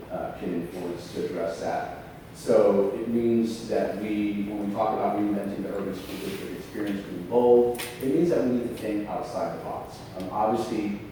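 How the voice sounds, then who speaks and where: A man's voice: lowish voice, mellow. A man from Austin, Texas, a school board trustee, speaking earnestly to a public forum with many fillers and restarts. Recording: echoey hall, mic far off, background noise.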